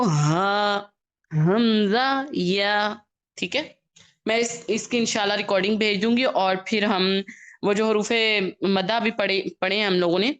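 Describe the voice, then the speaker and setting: Woman teacher, slow drawn-out letter drills. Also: mid-range voice. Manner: checks in constantly, stretches out letter sounds in slow demonstration. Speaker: Quran recitation teacher. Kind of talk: online class instruction.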